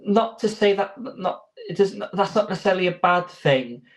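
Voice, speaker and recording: A man's voice: high voice, expressive, normal speed. A man giving informal interview answers as a sheepdog handler, explaining in a hesitant, rambling way.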